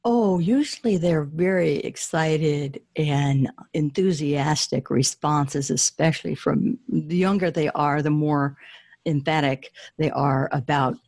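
A woman who writes children's books talks eagerly about her readers, often restarting her sentences as she goes. Her voice is low and husky. The recording is dry and close. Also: slow pace, darkish tone, no room sound. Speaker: children's author. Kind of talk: interview answers and storybook reading.

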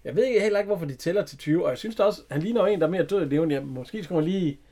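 Co-host, male: relaxed film chat, fillers and laughs, voice a bit high. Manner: chatty, hesitant, laughs often. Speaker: podcast co-host. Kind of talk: casual chat retelling a film.

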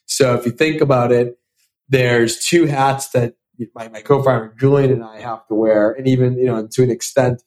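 As a podcast guest, this young man, a venture capital investor whose first language is Italian, speaks at a normal speed in a steady, mid-range, slightly mellow voice. He's thoughtful, repeating words at the start of sentences and frequently restarting.

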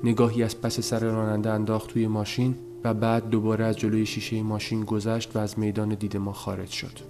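A man with a fairly low voice reads a story aloud as an audiobook. His telling is measured and subdued, and soft music plays faintly underneath. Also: completely flat delivery. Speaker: narrator. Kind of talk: audiobook narration.

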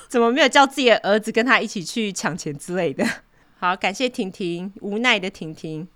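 A woman's voice: mid-range voice, animated, moderate pace, a bit bright, no echo, studio quality. A woman, a podcast co-host who reads a listener's story aloud in a casual way and laughs often as she goes. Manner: laughs often while reading.

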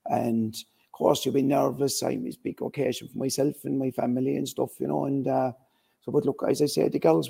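A man's voice: mid-range voice, gravelly, warm tone, slightly rough. A man with a west of Ireland Kerry accent, giving a casual sports interview as a team manager, conversational and peppered with "you know" and "look". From County Kerry, Ireland.

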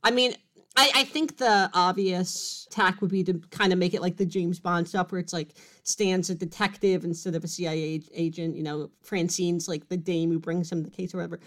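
A woman's voice: lowish voice, fairly even intonation, a little fast, a bit bright. Upstate New York woman chatting casually. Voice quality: drops off word endings. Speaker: podcast co-host. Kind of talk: casual chat.

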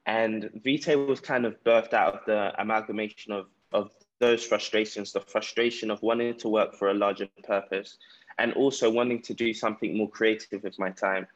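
A man's voice: on the low side, steady tone, normal speed, lo-fi sound. A man with a South London accent telling his own story conversationally as an interview guest. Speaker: podcast guest, entrepreneur. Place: remote call from Ghana.

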